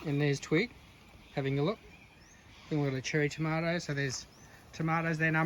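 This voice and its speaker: A chatty man narrating his own home vlog, relaxed and rambling, with a voice sitting a little high for a man. Faint crickets and outdoor ambience hiss softly behind him. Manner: chatty, relaxed, talks himself through tasks with fillers. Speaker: vlogger, home gardener and cook. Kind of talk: casual cooking and garden vlog. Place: home kitchen and vegetable garden.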